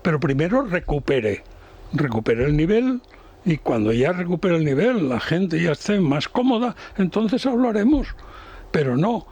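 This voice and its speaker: An older man with a Spanish accent, an economics commentator on a radio panel, talking in a slow, halting, professorial way with many restarts. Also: a little high, very animated, darkish tone, slightly rough.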